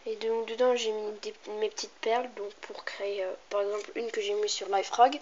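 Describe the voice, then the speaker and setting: A woman's voice: mid-range voice, little pitch movement, brisk, a little mellow. Young woman, voice cracking, slightly sick, hesitant rambling show-and-tell, lo-fi muffled sound, noisy background. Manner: hesitant, rambling, self-interrupting. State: slightly sick, clearing throat and coughing. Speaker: amateur video maker presenting handmade doll furniture. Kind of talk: casual show-and-tell chat. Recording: dull lo-fi home recording, clear noise.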